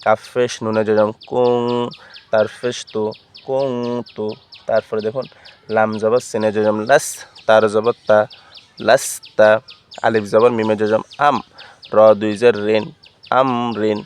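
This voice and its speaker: A man's voice: fairly low pitch, level tone, a little slow, long pauses, smooth. A man teaching Quran reading step by step, patiently spelling out letters and vowel marks and then chanting the syllables. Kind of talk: step-by-step recitation lesson.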